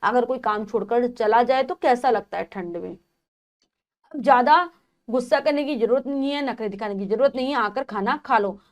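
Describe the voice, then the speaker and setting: A woman's voice: on the high side, moderate pace. A woman teacher patiently reading and explaining a textbook lesson, retelling the story in her own words.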